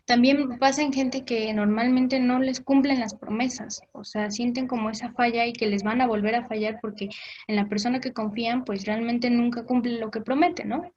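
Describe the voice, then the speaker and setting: A woman's voice: a little high, steady tone, moderate pace, darkish tone, highs cut off. A woman gives an informal talk on forgiveness, speaking conversationally with many fillers and briefly acting out the voices she quotes.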